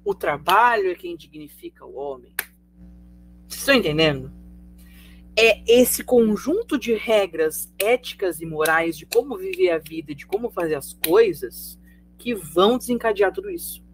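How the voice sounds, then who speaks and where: In a live online sociology lecture, a teacher with a Brazilian accent uses a conversational, mid-pitched voice with lively intonation at a moderate pace. The teacher throws rhetorical questions at students and makes sure they keep up, over a faint hum.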